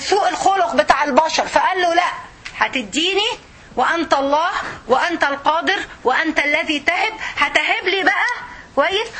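Older egyptian lady teaching religion, high voice, quick and chatty, keeps checking in with the room. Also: sharp tone. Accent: Egyptian Arabic. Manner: conversational and emphatic, checks in with listeners. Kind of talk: religious lesson.

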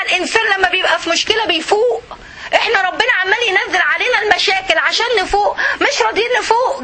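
A woman's voice: very high-pitched, sharp tone. A woman with an Egyptian Arabic accent, giving a religious lesson to a women's circle in an impassioned way, full of rhetorical questions. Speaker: religious teacher.

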